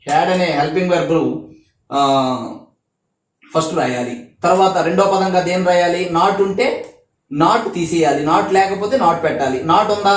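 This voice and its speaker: A man's voice: a little high, reverberant. A male teacher with a Telugu accent giving a video grammar lesson, drilling each rule step by step and asking and answering his own questions.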